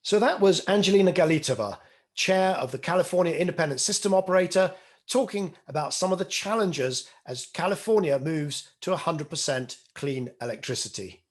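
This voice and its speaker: A man's voice: fairly high pitch, expressive, normal speed. A man hosting a podcast interview and its outro, talking conversationally with many ums and uhs. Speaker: podcast host.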